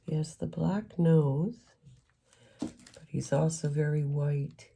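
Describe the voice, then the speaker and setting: Slow-talking, lower-voiced middle-aged Canadian woman. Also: fairly even intonation, vocal fry, mellow, a little hiss or hum. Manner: rambling, candid, slightly emotional. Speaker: craft vlogger. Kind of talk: casual chat while crafting.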